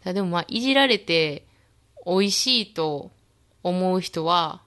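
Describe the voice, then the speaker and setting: A woman's voice: on the low side, animated, measured pace, fairly bright tone, smooth. Easygoing Kansai woman chatting. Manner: easygoing, agreeable, tells stories. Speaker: podcast co-host. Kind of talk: casual chat.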